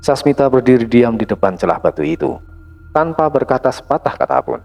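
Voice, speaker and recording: A man narrating a horror story in a dramatic, hushed storytelling manner. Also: medium pitch, big pitch swings, brisk, creaky, faint music behind.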